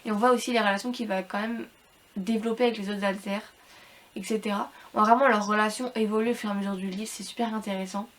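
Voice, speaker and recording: A woman's voice: medium pitch, fairly even intonation, fast talker. Hesitant woman reviewer, slightly robotic from illness. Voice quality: slightly robotic, hard-to-understand speech from illness. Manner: hesitant, repetitive, informal slangy phrasing. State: ill, speech affected. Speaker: book reviewer addressing viewers. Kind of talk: casual rambling book review to viewers.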